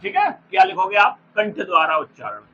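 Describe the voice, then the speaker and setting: A man with a bright, high voice leads an exam-prep class, going slowly and saying every term twice for dictation, and addressing his students affectionately. His pitch swings hugely. The audio sounds dull, with faint background noise.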